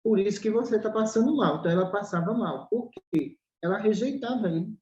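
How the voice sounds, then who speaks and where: A woman's voice: mid-range voice, brisk, warm tone. A woman with a Brazilian Portuguese accent, a spiritual doctor explaining her teaching emphatically, acting out little dialogues and asking rhetorical questions. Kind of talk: explanatory talk in a spiritual study podcast. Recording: roomy, dull lo-fi recording.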